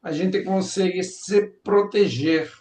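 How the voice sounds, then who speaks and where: Slightly high-voiced man in an echoey room. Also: slow pace, a little mellow. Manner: hesitant, with restarts. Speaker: meeting participant. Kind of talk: casual online group meeting.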